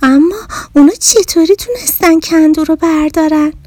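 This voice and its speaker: A woman's voice: high voice, darkish tone, no room sound, pitched above the performer's own voice, lightly acted. A woman voicing a lazy, timid little bear cub who whines and gives up easily, in a storybook reading. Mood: sulky. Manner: sulky and easily startled.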